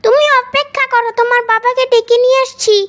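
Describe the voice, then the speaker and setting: A woman's voice: very high-pitched, steady tone, fast talker, a bit bright. A woman voicing a caring mother in a children's cartoon, speaking soothingly to her son. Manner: soothing, reassuring.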